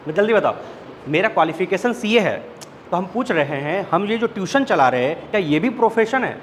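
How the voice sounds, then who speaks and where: A man's voice: sits high, expressive, brisk. A male teacher giving a classroom lecture, mixing Hindi with English terms and asking questions he answers himself. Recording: long reverb, faint background noise.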